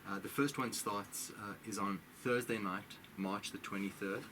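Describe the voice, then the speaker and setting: Man as interview guest, low voice, steady practical delivery, noisy room. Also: moderate pace. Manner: steady, practical announcing of details. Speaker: musician and concert organizer. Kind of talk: radio interview.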